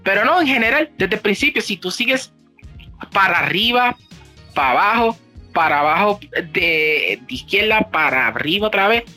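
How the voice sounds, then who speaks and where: Hombre puertorriqueño animado que habla en spanglish. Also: male voice, high voice, very animated, moderate pace, pushed and bright, soft background music. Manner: Spanglish, mixes English phrases into Spanish constantly; casual swearing. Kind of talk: casual chat about video games.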